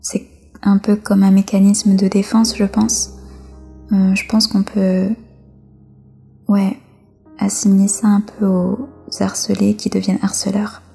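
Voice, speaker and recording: Appearing as an interview guest, a woman from France reflects on her personal experiences in a mid-range, gravelly voice with fry. Her delivery stays fairly even, broken by hesitant pauses, over faint music.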